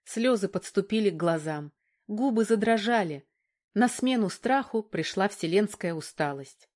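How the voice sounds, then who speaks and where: A woman reading an audiobook in a measured, even narration. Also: mid-range voice. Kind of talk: scripted narration.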